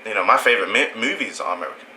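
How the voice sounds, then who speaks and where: Low, tense-voiced British man vlogging. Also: lively intonation, rapid-fire, sharp tone, a little hiss or hum, rough recording. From England. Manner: rambling, self-correcting, conversational. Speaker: channel host. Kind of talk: casual opinion monologue.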